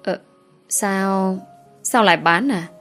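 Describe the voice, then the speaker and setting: Woman reader as a humble older father, slow, hesitant, pleading, storybook peasant. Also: medium pitch, fairly bright tone, faint music behind. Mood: distressed. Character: poor, desperate older father, timid and pleading.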